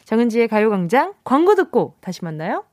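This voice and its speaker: Speaking briskly in a slightly high, sing-song voice, a young woman from Busan, South Korea, hosts a radio show, laughing a lot as she casually chats and acts out listener texts. The recording, made on a studio microphone in a radio studio, is dry and clean.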